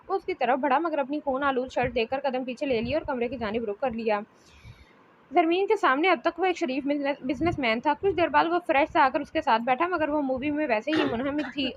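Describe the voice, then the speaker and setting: Female novel narrator, high-pitched, steady reading, faint hiss. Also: lo-fi sound. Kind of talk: reading a romance novel aloud.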